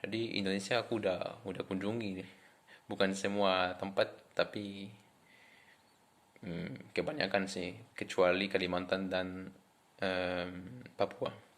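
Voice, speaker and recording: A man's voice: sits low, flat delivery, a little slow, fairly bright tone. A young French man with a French accent, speaking Indonesian as a foreigner in a casual, hesitant vlog introduction to camera. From France. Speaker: vlogger introducing himself.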